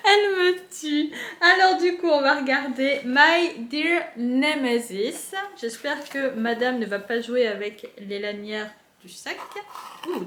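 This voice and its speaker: A young woman casually chatting as she unboxes books at home, gushing with excitement and using lots of fillers. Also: sits high, a little hiss or hum. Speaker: book unboxing vlogger. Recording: echoey room.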